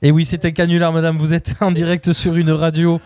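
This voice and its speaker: A radio host with a Provençal accent, pulling a prank call in an insistent, bluffing manner. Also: male voice, a little high, monotone, brisk, darkish tone, dry recording. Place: radio studio.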